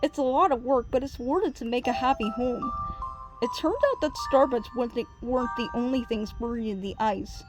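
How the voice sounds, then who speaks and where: Brief: woman reading a storybook, gentle narration, slightly high voice, music playing under. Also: fairly quick, low-quality recording. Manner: gentle, even read-aloud narration. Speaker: storybook reader. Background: soft music.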